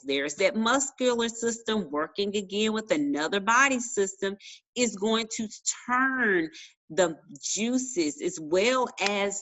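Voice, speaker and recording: A woman's voice: medium pitch, fairly bright tone, low-quality recording. A woman science teacher giving a casual online lesson to children, playful and chatty. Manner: chatty, talks while chewing a cracker; playful, addresses kids as boys and girls.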